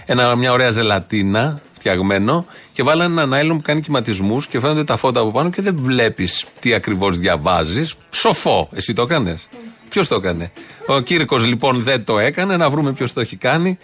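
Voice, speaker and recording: A man's voice: mid-range voice, expressive, a bit bright. A man hosting a satirical radio show, making wry, sardonic asides.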